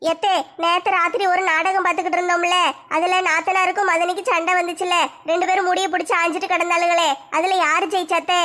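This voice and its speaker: A woman's voice: very high-pitched, little pitch movement, quick pace, sharp tone. A woman playing a curious, gossipy young daughter-in-law.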